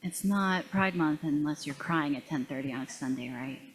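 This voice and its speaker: A woman's voice: sits low, normal speed, rough recording. A woman leading a worship service, making playful, wry remarks as she calls people up to read. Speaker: service leader. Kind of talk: joking emcee remarks between service parts. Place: fellowship hall during a worship service.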